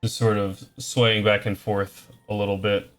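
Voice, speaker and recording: A man working as game master, improvising narration for a tabletop game in a halting, searching way. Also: on the low side, little pitch movement, a bit bright, soft background music.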